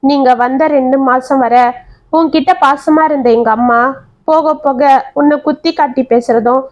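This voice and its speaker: Calm young husband, steady and explaining; woman reader voices him. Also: sits high, normal speed, natural voice.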